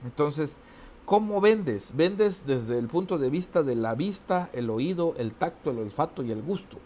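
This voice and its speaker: A man's voice: fairly high pitch, animated, unhurried, warm tone, slight background noise. A man giving a spoken lesson, explaining step by step and often checking in with tag questions and restarting phrases. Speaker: teacher. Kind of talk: spoken lecture on oratory.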